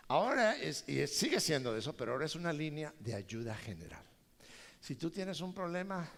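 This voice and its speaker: A male pastor preaching a sermon, animated and joking with his congregation. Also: on the high side. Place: large church hall. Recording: reverberant church hall.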